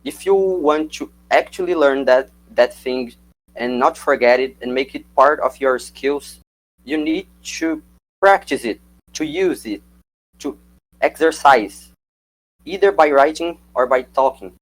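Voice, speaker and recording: Very animated yet unhurried, a young man with Portuguese as his first language delivers a scripted slide talk as a student, prompting for the next slide. His pitch is fairly high and the recording quality is low.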